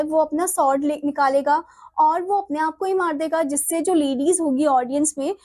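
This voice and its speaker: A woman with an Indian English accent teaching a textbook chapter, reading English lines slowly and then explaining them in Hindi. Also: sits high, warm tone.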